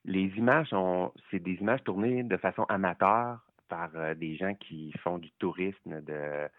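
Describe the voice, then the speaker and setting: Low-voiced Québécois man on a tinny line. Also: no echo. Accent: Québécois French. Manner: enthusiastic, halting with many fillers. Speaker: film critic guest. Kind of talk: casual podcast chat. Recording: tinny phone-like line, dry.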